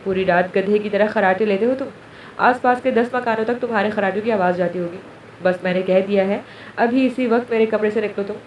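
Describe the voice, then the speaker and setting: A woman's voice: medium pitch, a little fast, a little mellow, dull audio, a little hiss or hum, natural voice. A woman voicing a hot-tempered young wife who scolds and complains, recorded at a distance in an echoey room. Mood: scolding.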